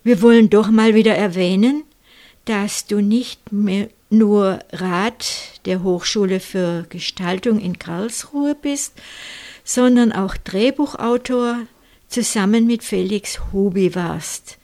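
A woman interviewing an author, asking measured questions. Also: medium pitch, dark tone.

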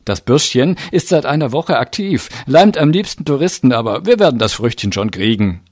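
A man's voice: mid-range voice, lively intonation, normal speed, a little mellow, no echo, studio quality, pitched above the performer's own voice, natural voice. A man voicing a bored, dismissive police officer who mumbles offhandedly in an audiobook reading.

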